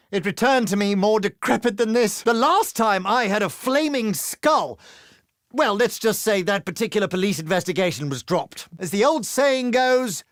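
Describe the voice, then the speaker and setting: A man with a British accent voicing a crude, sardonic male adventurer who trades cheeky, quick-witted quips in a video game. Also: high-pitched, a bit bright, dry recording, clean studio sound, full character voice. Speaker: playable game character.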